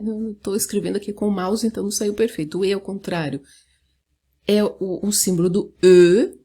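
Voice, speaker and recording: A woman's voice: mid-range voice, dark tone, breathy edge. A woman giving an online lesson on French pronunciation, patiently explaining and often checking in with the listener. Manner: patient, explaining slowly with frequent "né?". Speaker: French teacher.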